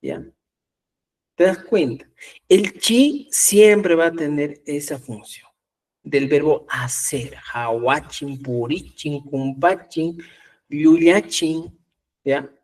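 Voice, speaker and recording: A man's voice: on the high side, takes it slowly, pauses often, darkish tone, distant mic. A man teaching a language class, explaining step by step and checking often that students follow.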